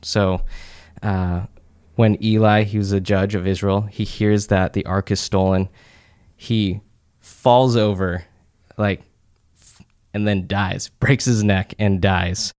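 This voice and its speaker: A young man gives a casual Bible teaching for a church podcast, speaking slowly with frequent pauses and plenty of "uh" and "like." His voice is fairly low, smooth and clear, and he sits at a boom-arm studio mic in a small office room.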